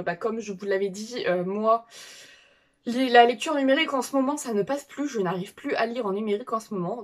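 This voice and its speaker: A woman book vlogger chatting casually to her viewers, hesitant and full of fillers and restarts. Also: high voice.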